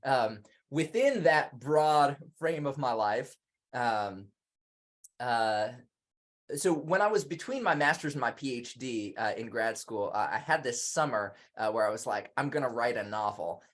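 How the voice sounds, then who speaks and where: A man's voice: medium pitch, animated, unhurried. A man in his thirties, a podcast guest who grew up in Indonesia, talking casually in a chatty, self-deprecating way with many fillers. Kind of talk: casual conversation.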